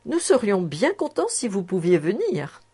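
A woman voicing a shy, sweet young farm girl who talks softly and earnestly. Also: medium pitch, huge pitch swings, a little slow, slightly rough, heavily acted. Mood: gentle. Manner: soft, gentle and earnest.

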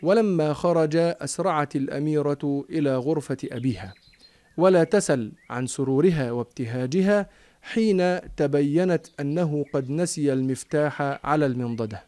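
A man's voice: a little high, normal speed, warm tone, no room sound. A man reading a storybook aloud to a child, explaining hard words in everyday speech.

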